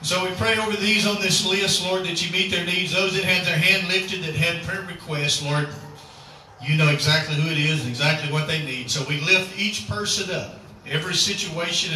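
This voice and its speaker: Speaking at a normal speed in a slightly high, bright, and forceful voice, this man is a cowboy church pastor delivering folksy announcements and a sermon outdoors. He's chatty and keeps prompting the crowd to respond. The sound comes from a far-off camera across a rodeo arena at sunset, echoey and noisy.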